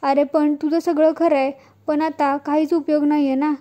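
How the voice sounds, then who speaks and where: A woman's voice: sits high, flat delivery, normal speed, dark tone, close to an everyday voice. A woman voicing a chatty, curious village man talking politics. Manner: questioning, chatty.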